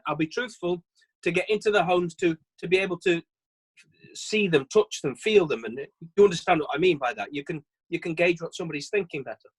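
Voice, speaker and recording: Guy running a sales training over video call, high-ish voice, chatty, keeps restarting sentences. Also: slightly rough, low-quality recording. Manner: chatty, self-deprecating, repeats and restarts phrases. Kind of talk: virtual training session.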